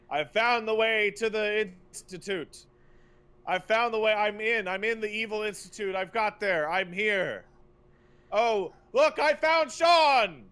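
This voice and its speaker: Sounding high, a bit bright and smooth, this man co-hosts a podcast and launches into a casual, animated rant about video game plots. He is emphatic, exasperated and full of profanity.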